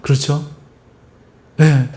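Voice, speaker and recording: Male pastor, high voice, emphatic sermon delivery, rhetorical questions to the congregation. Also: flat delivery, very slow. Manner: emphatic, swinging in pitch and loudness.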